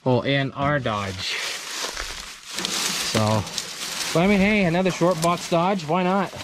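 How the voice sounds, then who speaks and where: A man's voice: fairly high pitch, slow, background noise. A man hosting a casual vlog, rambling and thinking aloud about an old truck he found, with lots of fillers. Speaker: channel host.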